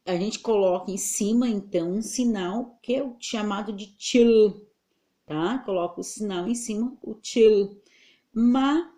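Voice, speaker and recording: Slow, patient Brazilian woman teacher. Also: mid-range voice, warm tone. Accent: Brazilian Portuguese. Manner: slow, patient, over-articulating words for children. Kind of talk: online class lesson.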